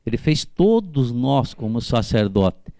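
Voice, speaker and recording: A man's voice: mid-range voice, very animated, a little slow, vocal fry, dark tone, dry recording. A man with a Brazilian Portuguese accent preaching a sermon at a church service, fervently putting questions to the congregation by name. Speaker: pastor.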